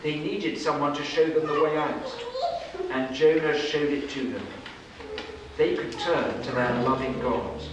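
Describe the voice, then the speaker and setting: At a children's puppet show, a middle-aged male storyteller reads a scripted tale aloud to kids with a slow, dramatic, deliberate delivery full of pauses. His voice is on the high side. A distant camera mic picks him up in a very echoey, noisy indoor room resembling a classroom.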